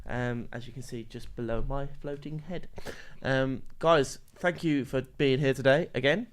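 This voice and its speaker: A man's voice: medium pitch, fairly even intonation, unhurried, slight background noise. A man hosting a casual podcast chat, chatty as he steers the talk and plugs upcoming episodes. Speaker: podcast host.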